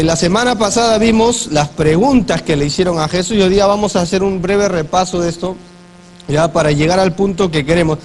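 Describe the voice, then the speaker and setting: A man preaching a sermon as pastor, slowly reading Bible verses aloud and asking the congregation questions. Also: high voice, a little hiss or hum. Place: church.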